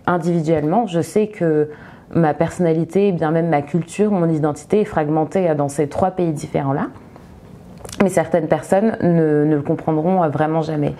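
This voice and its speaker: Reviewing a book, this young woman from Egypt reads the synopsis out loud before moving into speech full of pauses, fillers and false starts. Her mellow voice sits low.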